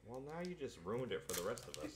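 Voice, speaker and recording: A man's voice: mid-range voice, sing-song, fast, background noise. A man hosting a trading card break in casual, joking chat, stumbling over card names. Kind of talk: casual livestream banter.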